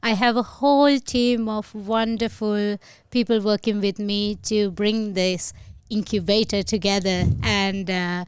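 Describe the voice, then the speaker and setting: A woman from Sri Lanka talks as a podcast guest, laying out her program step by step in a measured way. Her voice is smooth and clear, at an ordinary pitch for a woman. The sound is dry and close. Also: steady tone, dry recording. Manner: measured, explanatory, with fillers. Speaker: guest, incubator head. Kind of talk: podcast interview.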